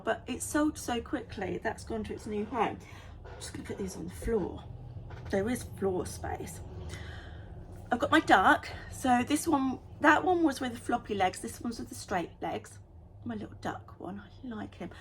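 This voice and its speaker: A woman vlogging in a casual, chatty way, talking fast and getting excited about small things. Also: fairly high pitch, a little hiss or hum. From United Kingdom. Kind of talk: casual vlog chat.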